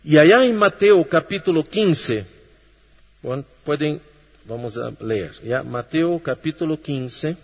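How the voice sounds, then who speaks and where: Slow husky preacher man, reverberant hall. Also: animated. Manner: slow, with long pauses, dropping low and soft then rising. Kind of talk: sermon.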